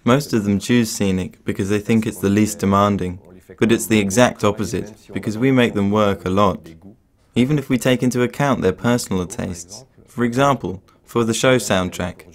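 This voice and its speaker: A man reading documentary voice-over translations in a calm, plain manner. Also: on the low side, moderate pace.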